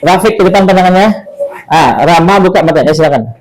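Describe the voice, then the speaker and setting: A man teaching Arabic, leading slow call-and-response drills and breaking into quick explanations and scolding. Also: sits high, rough recording. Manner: drills phrases slowly, then scolds and explains rapidly. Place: school classroom full of students. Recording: classroom with pupils chattering behind.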